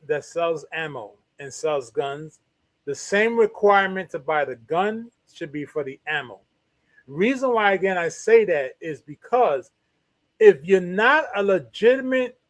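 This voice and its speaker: A man's voice: sits high, no echo. A man from New York co-hosting a casual talk show, speaking in a laid-back, wry, thoughtful way. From New York, USA.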